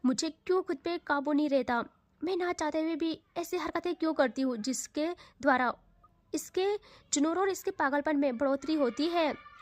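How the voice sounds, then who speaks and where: High-voiced woman narrating a love story. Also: normal speed. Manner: chatty, dramatic storytelling with casual asides.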